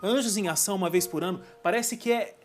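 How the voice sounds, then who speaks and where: A man's voice: sits high, quick pace. A man hosting a TV interview, prompting his guest with questions. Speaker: TV talk show host.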